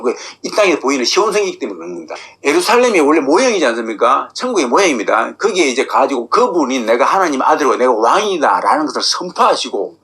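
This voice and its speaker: A man's voice: mid-range voice, fairly bright tone. A man preaching a sermon as pastor, asking his congregation rhetorical questions.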